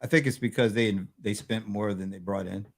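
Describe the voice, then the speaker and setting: A man's voice: on the low side, steady tone, fairly quick. A man co-hosting a casual business show, joking and walking through earnings numbers with asides. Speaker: co-host.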